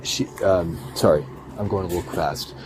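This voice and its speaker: Male police officer, very deep voice, casual questioning, tentative repeated words, noisy roadside bodycam, traffic ambience. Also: normal speed, darkish tone. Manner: tentative, stammering repeats, low-key. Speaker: police officer investigating a crash. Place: outdoors at a roadside. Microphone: police body camera. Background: traffic and outdoor ambience.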